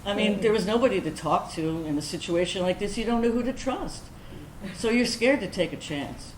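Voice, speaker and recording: This is a staged reading where an actress, lightly acting in a mid-range voice, portrays an outspoken woman veteran. She comes across as tender and amused while she narrates in the first person, confessional and wry, pausing deliberately. The animated delivery echoes around the room amid background noise.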